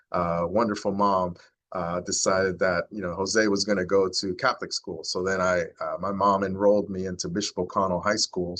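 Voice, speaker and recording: A man in his forties with a very deep, low voice talks to a neighborhood gathering as the county sheriff. His delivery is earnest and heartfelt, reflective and sincere as he addresses the community. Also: fairly bright tone. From United States. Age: 40s. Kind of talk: community talk to a neighborhood group.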